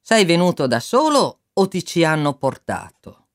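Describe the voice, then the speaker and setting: A coarse fifty-year-old factory boss, as a narrator puts him on, sneering and bullying his young worker in a storybook reading. He talks with broad teasing scorn, his voice rising high and swinging widely as he jeers. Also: very animated, a little slow. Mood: mocking. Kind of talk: audiobook character reading.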